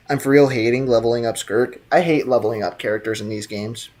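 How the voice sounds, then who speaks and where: Streaming a video game, this young man keeps things casual, reading live chat and laughing a lot as he talks in slangy, relaxed fashion. His mid-range voice is fairly quick and a little mellow.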